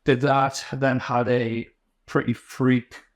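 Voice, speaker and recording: A man from Newcastle with a mixed northern English accent, a podcast guest telling his story in relaxed casual chat, often restarting his sentences. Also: mid-range voice, slow, no room sound, studio quality. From Newcastle, England.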